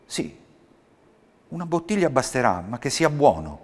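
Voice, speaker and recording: A man's voice: medium pitch, very animated, measured pace, in a large hall, pitched above the performer's own voice. A man doing a kindly old shoemaker. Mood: contented.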